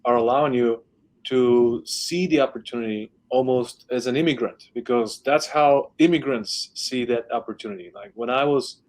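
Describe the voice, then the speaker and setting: A man hosting a podcast interview, asking questions and reflecting warmly on his guest's answers. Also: mid-range voice, moderate pace. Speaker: podcast host. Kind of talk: interview conversation.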